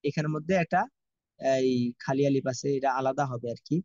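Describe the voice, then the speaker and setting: A man teaching Quran reading, spelling out Arabic letters and vowel marks slowly in a repetitive drill. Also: medium pitch, steady tone, a little mellow, dry recording. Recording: dull lo-fi dry recording.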